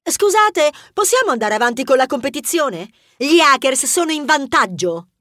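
A woman doing a brisk clever mouse girl. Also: high voice, sing-song, fairly bright tone, no room sound, studio quality.

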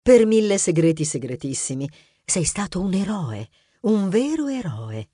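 A man's voice: sits high, very animated, unhurried, mellow, no room sound, clean studio sound, pitched above the performer's own voice, heavily acted. A man voicing a confident female secret-agent mouse who is an expert programmer. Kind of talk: audiobook character voice.

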